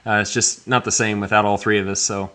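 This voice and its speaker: Male podcast host, bright timbre, casual and joking, laughs easily. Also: fairly low pitch, flat delivery, fast talker. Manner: jokey, laughs often, restarts words.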